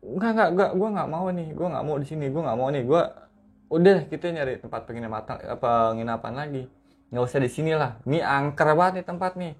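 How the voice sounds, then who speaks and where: A man's voice: medium pitch, a little fast, voice pushed up, natural voice. A man voicing a panicked, frightened teenage friend, pleading and repeating himself in alarm.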